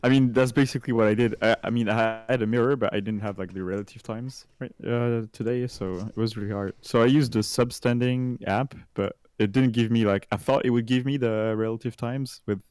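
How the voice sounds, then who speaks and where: A man's voice: mid-range voice, steady tone, fairly quick, few pauses, darkish tone, smooth. A man chatting on a call about a race, casual, filler-heavy, laughing and swearing easily. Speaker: fellow sim racer.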